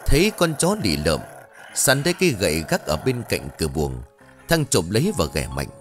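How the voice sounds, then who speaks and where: A man's voice: deep voice, wildly swooping pitch, moderate pace, faint music behind. A man narrating a ghost story in a dramatic storytelling manner.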